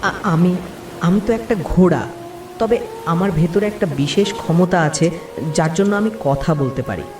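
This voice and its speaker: A man's voice: sits high, moderate pace, pauses often, reverberant, far from the mic, music in the background, lightly acted. A man voicing a meek, wounded talking pony in a cartoon fairy tale. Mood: weak, explaining.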